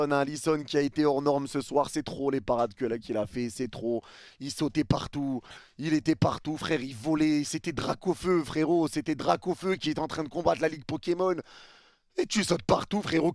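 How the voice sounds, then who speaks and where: A man's voice: medium pitch, dry recording, studio quality. A man giving a heated post-match reaction as a football fan, ranting in exasperation and talking to his viewers in street slang. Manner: slangy, calls viewers brothers.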